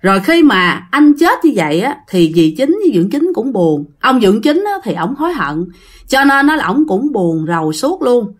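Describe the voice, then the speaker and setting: Speaking at a normal speed, a woman with a Southern Vietnamese accent narrates a ghost story in a fairly high, very animated voice. She chats with her listeners as she goes, talking right to them.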